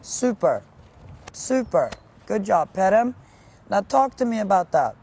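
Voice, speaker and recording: A woman coaching a riding lesson live, giving brisk, projected commands in short, repeated phrases. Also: mid-range voice, big pitch swings, a little mellow.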